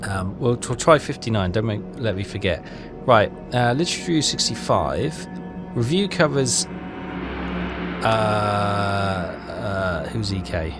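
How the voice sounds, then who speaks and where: Working through a game walkthrough, a man mumbles his thoughts hesitantly in casual commentary as game music plays. His voice is on the low side, a little slow, with lively intonation.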